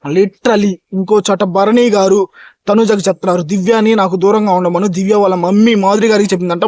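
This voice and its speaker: A man delivers a reality-show review at a rapid clip, his voice sitting high. He is emphatic and keeps hammering his points home to the audience. The sound is close and dry. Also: no echo. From India. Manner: emphatic, talks straight to fans, repeats points. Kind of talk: fast opinionated review monologue.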